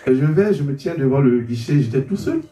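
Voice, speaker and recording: A dark-toned man's voice, mid-range and expressive, moves a little fast as he gives his testimony as an interview guest. He is from Côte d'Ivoire, and he stumbles into repetitions while acting out the dialogue. The room sounds large, the mic distant, and a faint hum lingers underneath.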